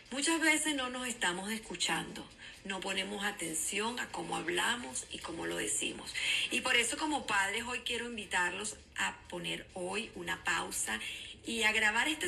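A woman, a certified communication coach, giving a calm, instructive podcast talk and repeating her key steps. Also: mid-range voice, creaky, rough recording. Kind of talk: podcast self-help talk.

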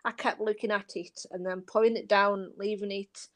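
A woman's voice: medium pitch, steady tone, normal speed. An earnest woman speaks as a podcast guest, recounting how she came to tarot and coaching. Her talk is casual and unpolished, looping back to restart phrases as she goes.

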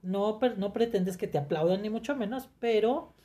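A middle-aged woman with a mellow, medium-pitched voice shares her story as a guest, reflecting candidly in conversation. Her manner is reflective, and she often halts and restarts her sentences.

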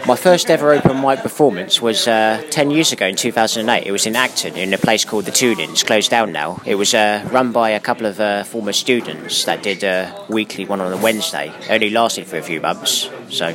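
A man, a musician, chatting in a relaxed, friendly way at a pub venue. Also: on the low side, a little fast, few pauses, a crowd in the background. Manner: relaxed, friendly, "you know". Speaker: musician guest. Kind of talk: casual interview. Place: live room of a pub venue.

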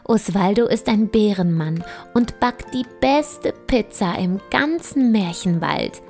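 A woman narrating a children's story in a gentle, clear storytelling voice. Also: medium pitch, expressive, slow. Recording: soft music underneath.

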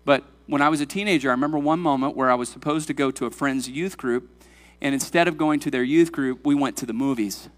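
A man's voice: medium pitch, fast talker. A man in his forties preaching a sermon to his congregation, emphatic and full of questions to the room. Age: 40s. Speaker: pastor. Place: church sanctuary. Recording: long hall reverb.

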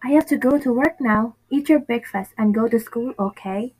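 A woman's voice: on the high side, moderate pace, very noisy, lightly acted. A woman playing a devoted, determined single mother in an amateur audio drama, earnest and emotional. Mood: warm.

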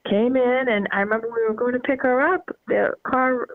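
Over a tinny phone line, a Northeastern US woman appears as a radio show guest, chatting eagerly with plenty of fillers. She speaks at normal speed in a fairly high voice with rather even intonation, and the recording is dry.

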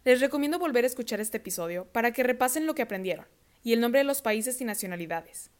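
A woman hosting a scripted podcast lesson, slowly and carefully repeating words for listeners to copy. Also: fairly high pitch, animated. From Mexico. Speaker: English teacher host of a podcast.

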